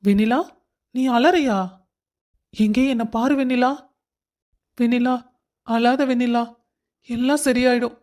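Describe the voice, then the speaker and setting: A woman voicing a young, busy husband who coaxes and gently scolds his wife. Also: on the high side, fairly even intonation, slow, pauses often. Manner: coaxing, affectionate scolding.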